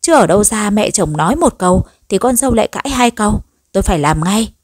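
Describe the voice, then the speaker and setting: A woman voicing a sharp-tongued, nagging old mother-in-law in a storybook reading. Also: mid-range voice, animated, quick pace, no echo, clean studio sound, close to an everyday voice. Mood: scolding. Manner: nagging, sarcastic scolding.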